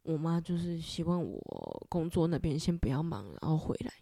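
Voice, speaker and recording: A young woman, hosting a podcast and telling a personal story in a soft, reflective, unhurried way. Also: low voice, wildly swooping pitch, vocal fry, no echo, clean studio sound. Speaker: podcast host.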